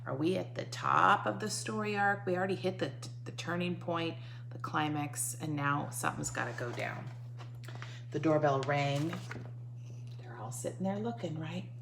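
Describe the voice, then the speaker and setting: On a noisy recording, a woman teacher reads a picture book to young children and interrupts herself to explain and prompt answers through questioning and repetition. Her voice is low-pitched, creaky and sharp in tone, and she speaks unhurriedly.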